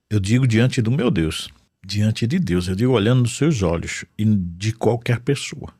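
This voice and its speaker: A man giving an emotional faith testimony in a studio, earnest, swinging between loud bursts and hushed low tones. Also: slightly rough, no room sound.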